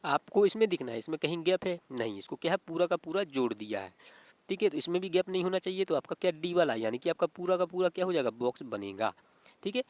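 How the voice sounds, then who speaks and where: A man's voice: on the high side, animated, fast, no echo. A man explaining exam reasoning questions as a teacher, repeating himself and checking in often with "okay". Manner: repetitive, keeps asking "what is it" and saying "okay".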